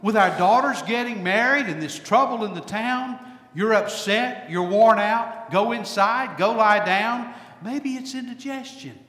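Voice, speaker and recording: Casting: a man reading a tired, practical farm wife, high and slow, echoey hall. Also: sharp tone. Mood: exasperated. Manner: sighing, exasperated. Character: weary middle-aged farm wife, dry and practical.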